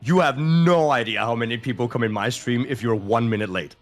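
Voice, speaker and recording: A man co-hosting a live stream, chatting casually in a relaxed, teasing way. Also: medium pitch, brisk. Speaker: guest co-streamer.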